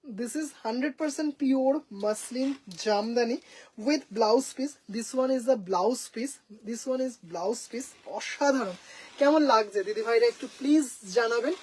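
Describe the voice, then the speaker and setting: Speaking slowly, this Bengali-accented woman has a slightly high, darkish voice with a breathy edge, captured on a low-quality recording. She runs a live showcase of sarees from her home boutique, eagerly mixing in English phrases. She addresses the people watching as sisters.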